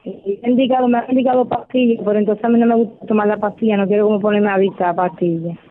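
A woman calls in to ask a doctor her questions, soft-spoken and tentative. Her voice is mid-pitched and comes through a crackly, tinny telephone line that keeps breaking up. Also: steady tone, very fast. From Dominican Republic. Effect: crackly, breaking-up phone line. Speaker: caller.

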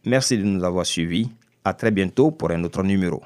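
Low-voiced man reading a radio health show. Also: darkish tone. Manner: measured, reads lists with stressed headings. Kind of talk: scripted radio narration. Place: radio studio.

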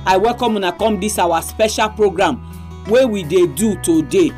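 A woman's voice: medium pitch, normal speed, darkish tone, soft background music. A woman with a Nigerian accent presenting a religious radio programme in Nigerian Pidgin. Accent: Nigerian, speaking Nigerian Pidgin.

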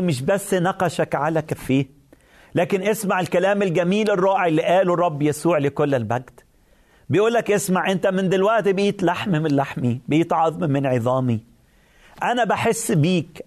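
A man with an Egyptian Arabic accent preaching a sermon, speaking earnestly and addressing the listener directly with repeated phrases. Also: high voice.

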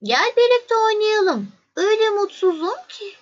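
A woman voicing the little prince, a polite and lonely young boy, speaking softly and earnestly in a storybook reading. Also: very high-pitched, big pitch swings, measured pace, highs cut off, voice pushed up, full character voice. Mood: curious.

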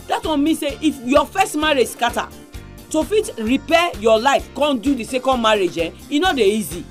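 A woman's voice: high-pitched, animated, normal speed. Nigerian Pidgin-speaking woman presenting, over music. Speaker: radio programme host.

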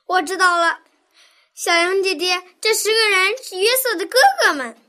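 A woman's voice: very high voice, normal speed, pushed and bright, pitched above the performer's own voice. A woman voicing a curious little boy who eagerly asks questions in a children's story.

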